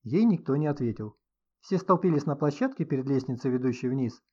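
A man narrating a mystery audiobook in a steady storytelling voice. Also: mid-range voice, fairly quick, husky, lo-fi sound. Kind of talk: scripted narration.

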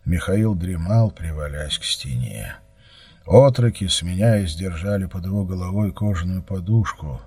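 A man reading a historical novel aloud in a measured, grave audiobook narration. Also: low-pitched, a little mellow, breathy edge.

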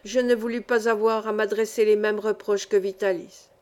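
A woman reading a classic novel aloud, calm and measured, as an audiobook narrator. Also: mid-range voice, smooth. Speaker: audiobook reader.

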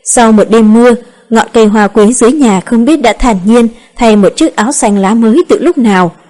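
A woman narrating a romance novel in a calm, steady reading voice. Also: on the high side, normal speed. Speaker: audiobook narrator.

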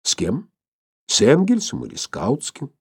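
Brief: imperious old professor, acted by a male reader, formal and ironic, husky voice, lively pitch. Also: moderate pace, no room sound, clean studio sound, heavily acted. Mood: ironic, measured.

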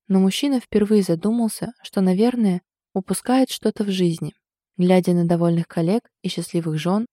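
Mellow-voiced woman narrating an audiobook. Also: mid-range voice, dry recording, studio quality.

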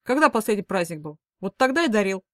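A man's voice: sits high, sing-song, quick pace, a bit bright, dry recording. Woman voicing a sly teasing dad, mocking tone, bickering, dry close audiobook sound. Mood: indignant. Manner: mocking, wry. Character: teasing middle-aged father, sly and bickering.

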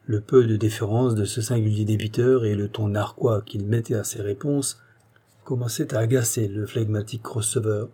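Warm, husky male audiobook narrator. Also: on the low side, steady tone, moderate pace. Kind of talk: literary audiobook reading.

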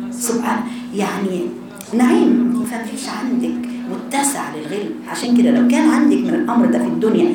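A woman with an Egyptian Arabic accent giving a religious lesson to young women, animated and full of rhetorical questions. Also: fairly high pitch. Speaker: religious teacher. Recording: echoey room, distant mic, background noise.

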